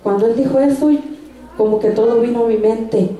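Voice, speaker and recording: A woman's voice: on the high side, fairly even intonation, brisk, dark tone. A woman giving a personal faith testimony at a church service, telling it earnestly with frequent restarts. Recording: echoey room sound.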